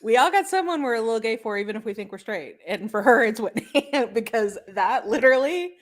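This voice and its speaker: Irreverent, lively woman podcast co-host. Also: a little high, fairly quick. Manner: blunt, irreverent, laughs often. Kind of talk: casual chat.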